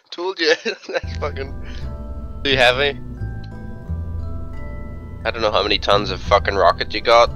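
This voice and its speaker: A man's voice: medium pitch, expressive, measured pace, pauses often, pushed and bright, dull audio, faint music behind. A man chatting casually while playing a game, joking and swearing a lot. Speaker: gaming channel co-host. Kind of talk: casual gaming chat.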